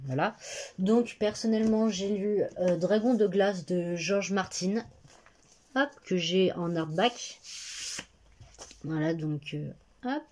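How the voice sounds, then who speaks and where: A young woman talking casually about books she has read, with many fillers, pauses and self-corrections. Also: on the low side, darkish tone. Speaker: book vlogger. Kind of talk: casual book review to camera.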